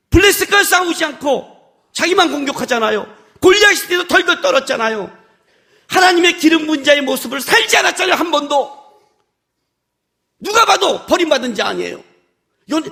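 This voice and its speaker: A man preaching a sermon in a church worship service, chatty and animated, firing rhetorical questions at the congregation and acting out scolding lines in sudden loud bursts. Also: extremely high pitch. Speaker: pastor.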